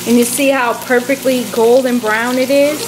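A woman's voice: fairly high pitch, steady tone, normal speed, noisy background. A young woman in her twenties chatting through a cooking vlog in her home kitchen, explaining each step to a handheld camera. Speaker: vlogger. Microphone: handheld camera close up.

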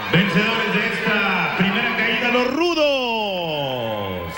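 A male ring announcer stretches out his words very slowly in a high, swooping voice. It echoes over an arena PA. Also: big pitch swings, heavy background noise. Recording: echoey arena PA, music behind.

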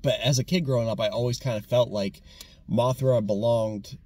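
A young American man giving a casual, animated movie review, often restarting his sentences and repeating words when excited. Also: medium pitch, normal speed. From United States. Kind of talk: casual conversational film review.

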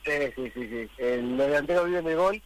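A man's voice: medium pitch, normal speed, rough recording. A Uruguayan man, a club director, giving post-match interview answers and searching a little for his words.

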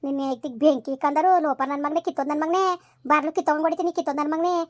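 A woman's voice: high-pitched, fairly even intonation, racing, a little mellow, no room sound, clean studio sound, close to an everyday voice. A woman playing a furious village mother who scolds her son in a rural comedy skit, hurling repeated insults. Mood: scolding.

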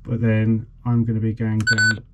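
Showing off a boat radio in his vlog, a man in his forties explains things informally and somewhat hesitantly. He speaks in a lowish monotone at a moderate pace, against a clearly noisy background.

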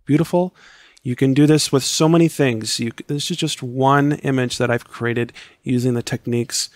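Hoarse man explaining software steps. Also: mid-range voice, no room sound. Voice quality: scratchy voice. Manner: casual, step-by-step explaining. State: hoarse, losing his voice. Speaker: software tutorial instructor. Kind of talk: screen-recorded tutorial voice-over.

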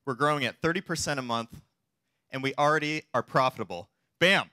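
Man giving a confident, bright startup pitch. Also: fast, slight background noise. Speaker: startup chief executive pitching investors. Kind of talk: rehearsed investor pitch. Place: theater stage, indoors.

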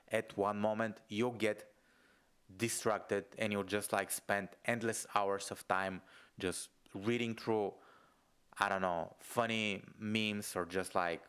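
A man's voice: on the low side, fairly bright tone, clean tone. A young man from Bulgaria with a Bulgarian accent, giving a casual video lesson in a loose, conversational way, filled with "like". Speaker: entrepreneur and online business coach. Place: home room, indoors. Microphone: studio mic close in front of face.

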